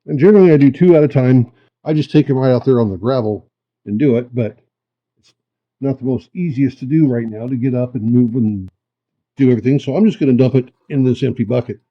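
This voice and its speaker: A man giving a folksy, unhurried hands-on demonstration, thinking aloud, his voice muffled by a camera microphone. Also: mid-range voice. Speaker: host of a rock tumbling hobby channel. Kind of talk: casual hands-on demonstration talk. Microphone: camera's built-in microphone.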